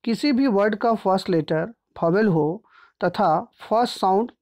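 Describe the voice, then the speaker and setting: A male teacher walks pupils through a grammar lesson. His delivery is patient and repetitive, and he keeps pausing to check that everyone is following. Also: sits high, darkish tone. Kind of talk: grammar lesson explained step by step.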